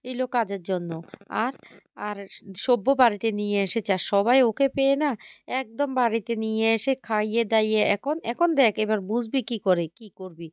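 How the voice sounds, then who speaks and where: Brief: woman narrator doing a harsh accusing brother in a family saga, crisp and dry. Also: a little high, fairly quick, no echo, close to an everyday voice. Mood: angry. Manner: scolding, accusing. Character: angry suspicious younger brother, harsh.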